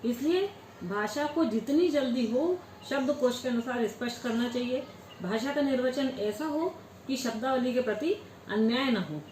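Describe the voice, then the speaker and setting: A woman's voice: sits high, moderate pace, darkish tone, slight background noise. A woman giving a Hindi law lecture, asking questions and answering them herself. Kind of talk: classroom lecture. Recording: echoey room with faint ambience.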